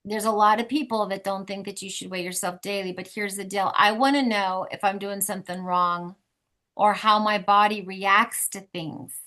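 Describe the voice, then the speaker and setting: A woman's voice: mid-range voice, steady tone, moderate pace, pushed and bright. Chatty woman leading a support group. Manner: chatty, encouraging, upbeat. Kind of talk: casual group talk, instructing.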